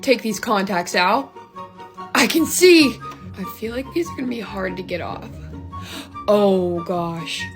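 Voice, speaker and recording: A woman's voice: mid-range voice, measured pace. A woman makeup vlogger talking casually and chattily, full of "like" and "literally". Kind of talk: casual chat. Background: music.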